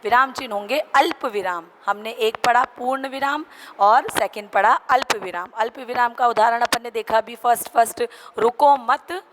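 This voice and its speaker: Hindi-speaking woman teacher, noisy recording. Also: on the high side. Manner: explains slowly, repeats examples, asks students questions. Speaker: school teacher. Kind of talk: online class lesson. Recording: clear background noise.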